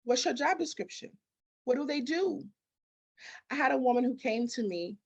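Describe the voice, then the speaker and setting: A business consultant and grant expert talks as an interview guest in a high, animated voice that's a little mellow and slightly rough, at normal speed. In this conversational interview she is emphatic, acting out dialogue and firing off rhetorical questions.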